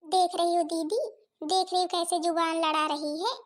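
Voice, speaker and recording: A woman's voice: very high-pitched, level tone, normal speed. A woman voicing a scheming young aunt by marriage in a cartoon, scolding and sarcastic, with an Awadhi accent. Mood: complaining. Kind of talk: cartoon voice acting.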